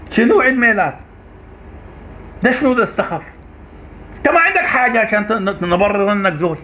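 A man with a Sudanese Arabic accent rants at a rapid clip, his voice bright and cutting with a somewhat raised pitch. He is fiery and accusatory, driving each point home by repeating it. It is the delivery of a commentator addressing his audience directly. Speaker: online commentator. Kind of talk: political rant to camera.

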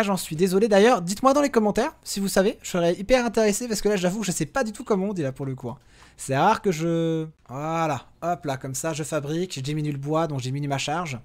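A man narrating his gameplay in a loose, chatty way, often stopping to correct himself and calling out to his companions. His voice sits a little high for a man. He turns quiet and hushed when his character sneaks. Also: fast talker. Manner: chatty, self-correcting, talks to viewers and game companions; drops to a hushed voice while sneaking. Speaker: gaming video host. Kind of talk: casual let's-play commentary.

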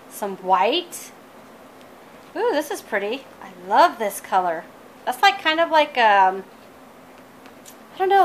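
A woman's voice: medium pitch, a little hiss or hum. A woman giving a casual unboxing vlog about craft supplies, bubbly and gushing, with many fillers, calling her viewers "you guys". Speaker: crafting vlogger.

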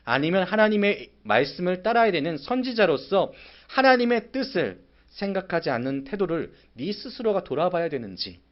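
A man preaching a sermon as pastor, acting out a prophet's angry, sarcastic complaints in sudden loud bursts. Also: high voice, very animated, moderate pace, few pauses, lo-fi sound. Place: church sanctuary.

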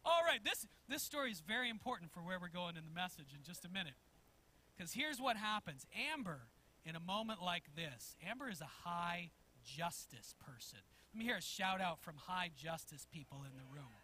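A man preaching a sermon as pastor in a church, telling a story in an animated way and chuckling as he goes. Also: high voice, normal speed, a little hiss or hum. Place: church sanctuary.

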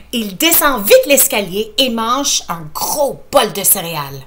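Woman, Quebec French accent, teacher, storybook reading, unhurried, lively pitch. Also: a little hiss or hum. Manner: expressive, playful, chats with listeners. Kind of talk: reading a picture book aloud.

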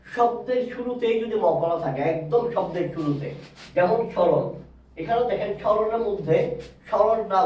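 Man, high voice, teacher at a whiteboard, repeats rules slowly, spells out letters, roomy echo, dull sound. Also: far from the mic. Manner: addresses viewers directly, self-correcting. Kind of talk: whiteboard grammar lesson.

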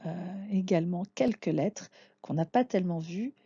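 A woman's voice: on the low side, moderate pace, vocal fry, dark tone, husky, no echo, lo-fi sound. A woman teaching a language lesson, patiently naming and sounding out letters one by one. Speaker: Hebrew teacher. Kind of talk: slow spoken lesson.

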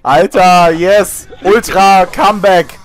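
A young man chatting casually while gaming, loud and excitable, often shouting and swearing. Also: sits high, slow, a crowd in the background. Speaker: gamer, channel host.

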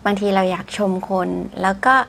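A woman giving a casual English vocabulary lesson, drawing out each word slowly with exaggerated mouth shapes. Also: a bit bright, a little hiss or hum. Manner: exaggerated slow pronunciation of English words; chatty, polite particles.

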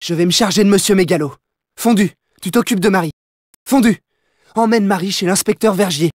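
A man's voice: high voice, brisk, no echo, clean studio sound. An actor playing a plucky young male phantom thief in a French video game dub, cocky yet loyal, with a theatrical, showy delivery. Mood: determined. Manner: theatrical, showy, punchy catchphrases.

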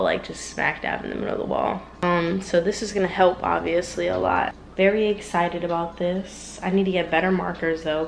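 A woman in her twenties vlogs casually to a handheld camera held at arm's length inside her apartment. Her voice is fairly low and creaky, with a slight hiss or hum, and she keeps things upbeat and slangy, laughing a lot.

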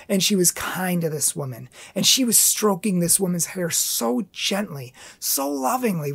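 A man speaks with a husky, slightly breathy voice, delivering an inspirational testimony talk. His storytelling is earnest and impassioned, like a speaker addressing a conference. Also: high voice. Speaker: pro-life speaker.

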